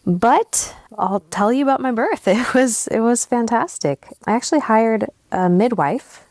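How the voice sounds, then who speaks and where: This solo, unscripted podcast comes from a relationship coach in her thirties from Southern California, recording in her bedroom on the bed through an old wired earbud mic. Her voice is a little high, animated and unhurried yet soft-spoken and reflective, she's a touch sleep deprived, and the recording is dry.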